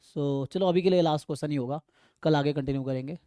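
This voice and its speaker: A man with a slightly high, dark-toned voice speaks quickly in a clean studio recording with no room sound. He teaches statistics, walking through exam problems, explaining as he goes, mixing in English terms and checking in with students often with "है ना".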